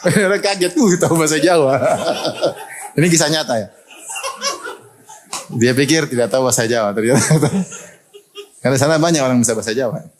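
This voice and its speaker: A middle-aged man from Indonesia preaching a sermon, animated and joking and often laughing. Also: medium pitch, normal speed, long pauses.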